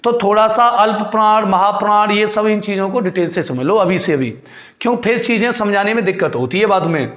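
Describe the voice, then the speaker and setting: A man's voice: sits high, brisk, fairly bright tone, roomy sound. A male teacher, giving a classroom lecture. He repeats his points, quizzes his students and calls them his kids. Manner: calls students "beti" and "chhote" fondly. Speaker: Hindi grammar teacher.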